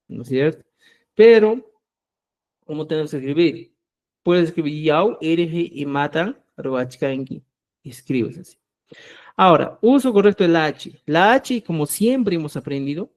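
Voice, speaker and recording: A man teaching a live online Quechua class, explaining sounds slowly and checking in often with the listeners. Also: fairly high pitch, a little mellow. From Peru. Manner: explanatory, keeps checking in with "¿ya?", spells out syllables slowly.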